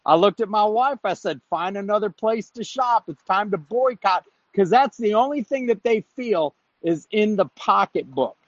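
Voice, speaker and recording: A man calling in to a talk show from his car, his fairly high voice coming through a dull, muffled phone line. He speaks with preachy emphasis and rushes from point to point. The line sounds dry, with no room around him. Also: animated, no room sound. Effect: phone call from a moving car. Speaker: caller. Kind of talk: call-in talk show chat.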